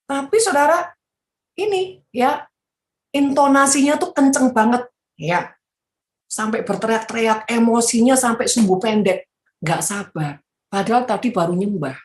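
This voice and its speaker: A woman preacher delivers a lively, animated sermon, often mocking the people she quotes with playful asides. Her voice sits a little high, and the room around her rings with echo. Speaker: evangelist preacher. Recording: echoey room.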